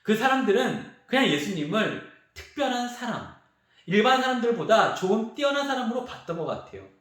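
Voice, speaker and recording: Lively high-pitched man preaching, heavy echo. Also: a little fast. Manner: animated storytelling, acts out the crowd's and the beggar's cries. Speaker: youth pastor. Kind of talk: sermon to teenagers. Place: large church sanctuary. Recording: very echoey church hall.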